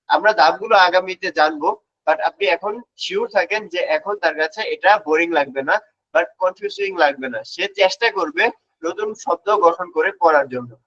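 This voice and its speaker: A man's voice: high-pitched, fairly bright tone. A man teaching phonics to parents in an online class, sounding out letters and slipping English phrases into his Bengali. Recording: dull, lo-fi sound.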